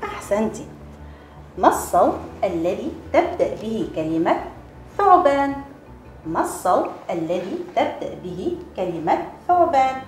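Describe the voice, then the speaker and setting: A woman teaching small children, her voice rising and falling with animated, sing-song energy. She praises often and repeats each letter sound slowly and clearly. Quiet music plays faintly behind her. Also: on the high side. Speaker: kindergarten teacher. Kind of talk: Arabic letter lesson for young children.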